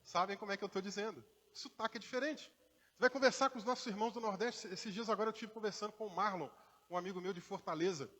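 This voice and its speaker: A Brazilian pastor, born in Rio and raised in inland Minas Gerais, preaches a sermon in a mixed Brazilian Portuguese accent leaning toward Minas Gerais. His voice sits fairly high for a man, and he speaks quickly, conversing relaxedly with the congregation and acting out short quotes. The long reverb of a church hall fills the sound.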